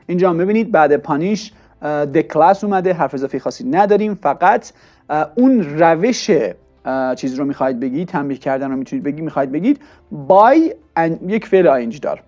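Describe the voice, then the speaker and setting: A man teaches English vocabulary, moving between quick explanation and slow, careful reading of example sentences. His voice sits fairly high but sounds mellow and dark. The recording is dull and lo-fi, with faint music behind him. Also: animated. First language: Persian. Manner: explains in Persian, reads English examples slowly and deliberately. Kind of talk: vocabulary lesson.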